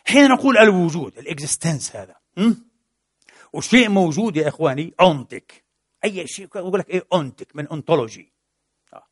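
Fast, high-voiced lecturer. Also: male voice, expressive, slightly rough, no echo, studio quality. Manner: asks and answers his own questions; mixes formal Arabic with colloquial words. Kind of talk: philosophy lecture.

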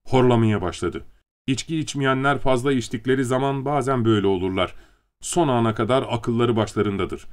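A man narrating an audiobook in even storytelling tone. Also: mid-range voice. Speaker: audiobook reader. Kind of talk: scripted narration.

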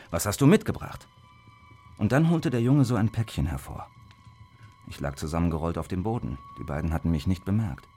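For a radio crime drama, a man performs a wary, avaricious Victorian opium addict sharing confidences, leaning on theatrical, deliberate stress. His voice runs low, with a darkish tone and a breathy edge.

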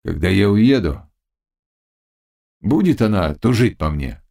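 A man's voice: on the low side, very animated, takes it slowly, vocal fry, warm tone, full character voice. Man voicing a brooding Cossack. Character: brooding young Cossack warrior, passionate and uneasy. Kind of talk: audiobook character reading.

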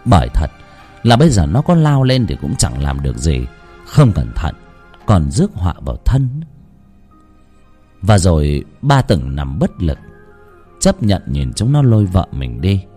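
Man, storyteller, very animated pitch, soft music behind. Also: measured pace, long pauses, breathy edge. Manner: dramatic, lively narration. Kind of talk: ghost story narration.

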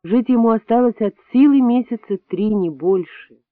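A man reading an audiobook voices a calm, firm male hospital doctor who speaks quietly and weightily. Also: very high voice, normal speed, no room sound, pitched above the performer's own voice. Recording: dry, tinny phone-like sound.

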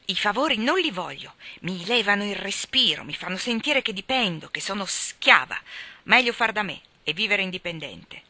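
A woman's voice: medium pitch, big pitch swings, moderate pace, pushed and bright, no room sound, exaggerated voice. A woman voicing a blunt, rebellious young woman in a storybook reading, speaking brusquely and emphatically.

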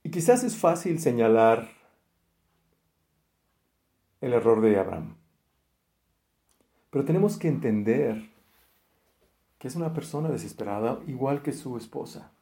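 A man's voice: medium pitch, big pitch swings, normal speed, creaky, pauses often, warm tone. A man preaching a sermon, earnest, acting out quoted prayers and often restarting his words. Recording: echoey room.

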